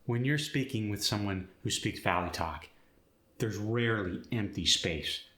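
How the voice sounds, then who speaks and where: Low, bright-voiced man teaching in a roomy space. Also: unhurried. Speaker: accent instructor. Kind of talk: instructional scripted narration. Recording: roomy echo.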